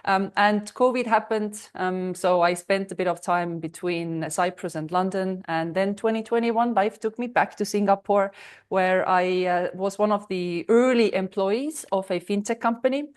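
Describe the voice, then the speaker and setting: Woman guest with steady hesitant delivery. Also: mid-range voice. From Estonia. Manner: measured, with frequent ums and uhs. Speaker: podcast guest, freelance consultant. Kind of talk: conversational interview.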